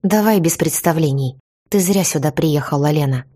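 A cornered young man in a spoken story, curt and gloomy, voiced by the woman narrating. His short, low replies carry a sullen edge. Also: normal speed, mellow.

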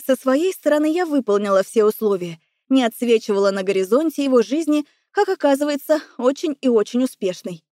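A woman narrating a first-person audiobook with expressive, emotional storytelling. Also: high-pitched, dry recording, clean studio sound.

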